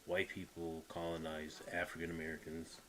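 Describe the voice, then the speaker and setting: Low-voiced hesitant man streamer. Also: monotone, normal speed, a bit bright, low-quality recording. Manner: hesitant, many fillers, plain-spoken. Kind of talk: casual commentary.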